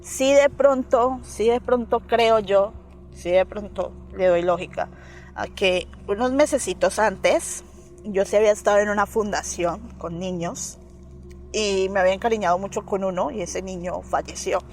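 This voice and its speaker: With faint music in the background, a Colombian-accented woman talks at a moderate pace in a mid-range voice. She's an interview guest recounting a personal experience, bringing it alive by acting out quoted dialogue and frequently asking "¿me entiendes?".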